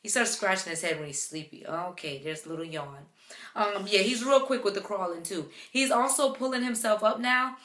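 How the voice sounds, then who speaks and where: A young woman, a mother, chatting casually to camera with lots of "like" and "um" in an animated retelling. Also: mid-range voice, normal speed. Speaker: vlogger, mother. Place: home room with her baby beside her. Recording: echoey room.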